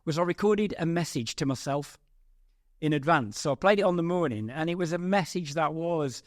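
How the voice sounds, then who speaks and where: A man's voice: a little high, no echo, clean studio sound. Reflective man, guest speaker. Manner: reflective, measured storytelling. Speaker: podcast guest, public speaking coach. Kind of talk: casual interview chat.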